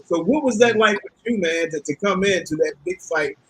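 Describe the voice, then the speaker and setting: A man's voice: high voice, lively intonation, moderate pace, fairly bright tone, husky, rough recording. A man hosting a casual boxing panel chat, talking informally and repeating phrases for emphasis. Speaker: host.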